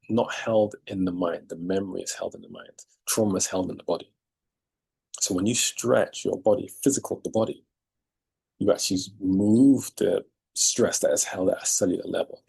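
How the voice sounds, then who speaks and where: A man's voice: sits low, normal speed, vocal fry, a little mellow, breathy edge, rough recording. A man speaking as a leadership coach in an emphatic motivational monologue to camera, repeating key phrases for effect, recorded outdoors.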